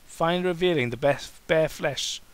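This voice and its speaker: With no echo, a man whose voice sits a little high reads fan fiction aloud at a normal speed as comic amateur drama. He stumbles over words and keeps breaking off to heckle the text with swearing.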